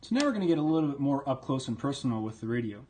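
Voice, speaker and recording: A man demonstrates vintage military radio equipment in an informal, hands-on way, explaining each step plainly. His medium-pitched, slightly mellow voice is very fast, with big pitch swings, over slight background noise.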